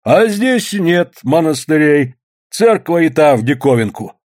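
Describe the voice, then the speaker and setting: A man voicing a rambling, tipsy, good-natured village uncle in an audiobook, talking loudly. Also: fairly high pitch, big pitch swings, measured pace, pitched above the performer's own voice. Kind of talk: audiobook character voice.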